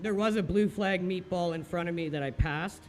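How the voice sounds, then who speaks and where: A man's voice: high-pitched, moderate pace, over music. A man who is a sim racing driver, chatting casually with his team as a car engine runs behind him. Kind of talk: casual team radio chat. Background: race car engine noise.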